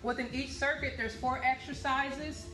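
A young woman working as an aerobics instructor leads a workout with short motivational cues and counts in a medium-sized indoor activity room with a hard floor. Her voice is high and steady at a normal speed, sounding reverberant as a camera or phone picks it up from a few steps away.

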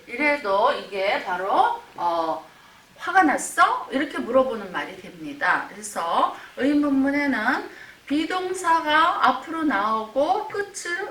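A woman's voice: sits high, fairly bright tone. A woman teaching English grammar to older learners in a recorded online class, explaining patiently with many fillers and reading English examples in a Korean accent. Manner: drawn-out English example sentences. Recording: roomy, slightly distant mic with faint background hiss.

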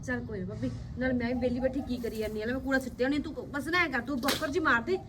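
An actress playing a stubborn, lively young woman who insists on helping her elder sister-in-law with chores. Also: sits high, very fast, background noise, close to an everyday voice. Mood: insistent. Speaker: actor. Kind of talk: village family drama acting. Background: birdsong.

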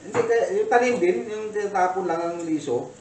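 A man's voice: high voice, a little fast, roomy sound, far from the mic, noisy background. Filipino man chatting while he cooks. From Philippines. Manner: rambling storytelling with many fillers. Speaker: cooking vlogger. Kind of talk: casual cooking chat. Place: kitchen.

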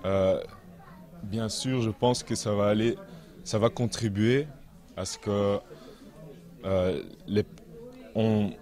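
A young man giving earnest interview answers, measured and pausing to find his words, into a handheld mic in a large indoor hall. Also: fairly low pitch, fairly even intonation, darkish tone. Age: young adult. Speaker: interview guest, activist.

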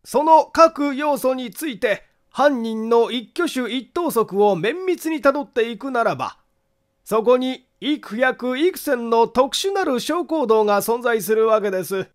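In an acted audiobook monologue, a man with an extremely high-pitched, expressive voice plays a meticulous amateur detective. He lays out his reasoning methodically, deliberately and formally, sounding confident.

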